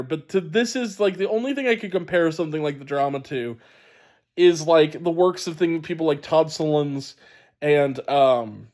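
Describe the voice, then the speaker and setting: A man with a fairly high voice reviews films casually. He sounds wheezy and stuffed up in the sinuses, and he talks emphatically with a halting, unscripted flow. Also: darkish tone. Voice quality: wheezy, congested voice. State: sinus congestion. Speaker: film reviewer. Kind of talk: casual spoken movie review.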